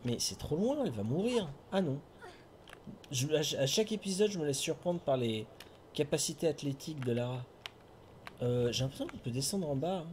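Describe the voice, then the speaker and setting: A man's voice: a little high, expressive, brisk, darkish tone, a little hiss or hum. A man giving casual running commentary while playing a video game, chatting with viewers and humming to himself. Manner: chatty, talks to himself and chat, hums tunes.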